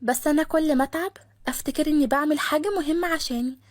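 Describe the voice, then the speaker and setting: A woman's voice: high-pitched, racing, no echo, clean studio sound, close to an everyday voice. A woman voicing a scheming, chatty twenty-eight-year-old woman in an Egyptian Arabic accent. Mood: sweet chatty. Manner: chatty, sweet-talking.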